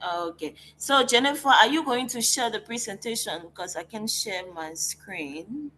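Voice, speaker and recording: A woman with a Liberian accent, a facilitator and climate negotiator, gives an online presentation over a video call from a noisy spot. Her voice is on the high side, bright and forceful, at a measured pace, and she comes across friendly and upbeat. The recording is low quality with slight background noise.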